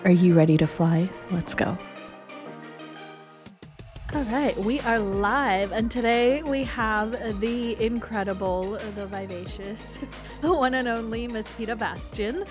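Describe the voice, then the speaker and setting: A podcast host opens with a scripted intro before sliding into a casual interview chat. Her voice is a little high and she takes her time, sounding enthusiastic, uplifting and motivational over music.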